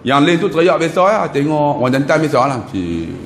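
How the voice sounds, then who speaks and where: A man's voice: fairly high pitch, very animated, a little fast, roomy sound, slight background noise. A man with a Malaysian Malay accent, a religious teacher giving a humorous lecture who tells a story, acts out the dialogue and laughs between lines. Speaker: ustaz, religious speaker.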